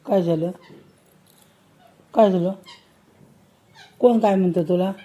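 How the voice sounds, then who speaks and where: A woman's voice: on the low side, slow, warm tone, husky. A mother talking playfully with her toddler at home, coaxing and teasing her in a sing-song way. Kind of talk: casual talk with a toddler at home.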